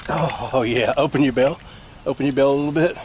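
A man working as a fishing guide, coaching and cheering his clients from the boat in an excited, repetitive way. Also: mid-range voice, a little fast. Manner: enthusiastic, cheering, repeats praise. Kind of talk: excited on-the-water coaching commentary. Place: outdoors on a small fishing boat in a canal. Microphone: action camera mounted on the boat. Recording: outdoor wind and water noise.

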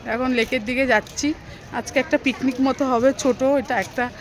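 Filming on a handheld phone, a West Bengali woman in her thirties walks outdoors by a lake with friends and narrates the outing in a chatty vlog. She has a high voice, a steady tone and a moderate pace.

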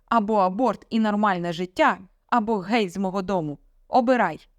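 A woman's voice: medium pitch, moderate pace, no room sound, natural voice. Brief: woman doing an angry, sarcastic storybook father, raised and strained, dry close sound. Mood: cold anger. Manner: shouting, sarcastic, commanding. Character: stern domineering middle-aged father, furious.

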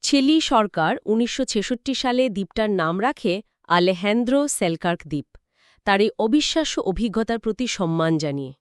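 A woman's voice: mid-range voice, lively intonation, brisk, smooth, no echo, clean studio sound. A woman co-hosting a scripted history conversation, filling in story details and reacting with brief agreement. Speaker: co-host. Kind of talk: scripted two-host history chat.

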